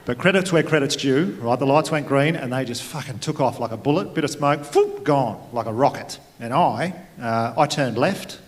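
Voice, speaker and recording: Aussie bloke doing stand-up, chill and crude, mid pitch, long reverb from the room. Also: male voice, animated, normal speed, few pauses, slight background noise. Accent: Australian. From Australia. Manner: laid-back storytelling with crude asides. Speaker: stand-up comedian. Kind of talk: stand-up comedy set. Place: comedy venue on stage. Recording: live room with long reverb, faint ambience.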